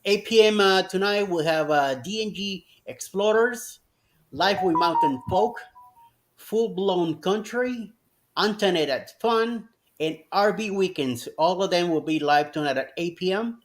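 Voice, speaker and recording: A man's voice: sits high, expressive, measured pace. A man co-hosting a live chat, reading out a schedule with many hesitant fillers. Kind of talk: casual chat.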